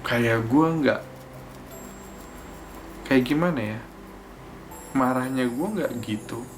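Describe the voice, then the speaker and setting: A man's voice: medium pitch, slow pace, a little hiss or hum. A young man from Indonesia with a Jakarta accent, telling a personal experience in casual vlog style and acting out the lines he quotes. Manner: slangy, fervent, acts out quoted speech. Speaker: vlogger. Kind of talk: casual spoken storytelling.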